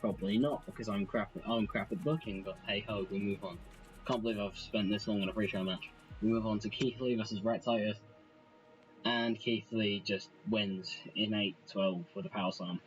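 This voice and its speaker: A man with a fairly low voice talks through a game in a loose, rambling way, poking fun at himself as he goes. Soft music plays quietly in the background. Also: steady tone, moderate pace, low-quality recording. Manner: rambling, self-deprecating, chatty. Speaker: let's play host. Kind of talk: casual game commentary.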